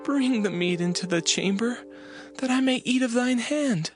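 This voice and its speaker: An actor playing a young prince who speaks in a soft, brooding way in a dramatized scripture reading. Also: male voice, extremely high pitch, lively intonation, moderate pace, faint music behind. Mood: scheming. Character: young prince, lovesick then cold and cruel.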